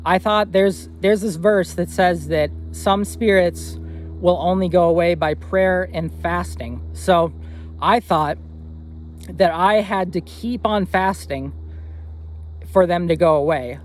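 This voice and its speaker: A man's voice: high-pitched, slight background noise. A young man in his twenties telling a personal story in an earnest, rambling way, with fillers and restarts. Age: 20s. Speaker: vlogger.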